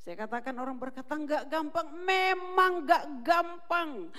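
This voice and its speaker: A woman's voice: high voice, measured pace. Impassioned woman preacher in reverberant church. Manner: impassioned testimony, rising to shouts. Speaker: pastor's wife, preacher. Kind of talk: sermon. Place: church hall.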